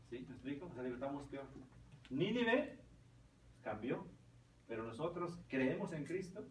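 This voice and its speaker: A man leads a relaxed Bible class, rambling and dotting his points with tag questions. He sounds set back from the mic in a roomy space, with faint noise underneath. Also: mid-range voice, distant mic. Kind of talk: informal Bible teaching.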